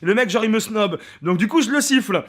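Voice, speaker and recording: A young man from France telling casual vlog stories in a hotel room, animated and swearing freely as he acts out the people he quotes. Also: sits high, brisk. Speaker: gaming vlogger.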